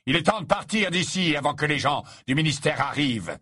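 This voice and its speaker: A man's voice: fairly high pitch, animated, brisk, pushed and bright, slightly rough, no echo, clean studio sound, full character voice. Man doing a cold sneering wizard. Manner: sneering, mocking. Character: cold sneering male wizard teacher, disdainful.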